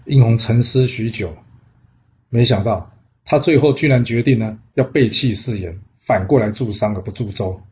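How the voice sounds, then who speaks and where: A man's voice: mid-range voice, moderate pace, darkish tone, dull audio. A man narrating a classic tale in a chatty way, asking rhetorical questions as he goes. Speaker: storyteller. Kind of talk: storytelling narration.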